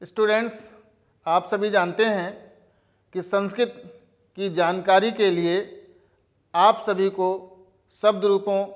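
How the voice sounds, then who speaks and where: A male school teacher giving a recorded lesson, repeating each sentence slowly to translate and explain it. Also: sits high, steady tone.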